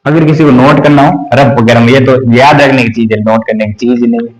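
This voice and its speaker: A man teaching English grammar in Hindi, explaining slowly and repeating lists aloud while he writes. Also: mid-range voice, steady tone. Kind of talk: classroom grammar lesson. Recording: echoey room.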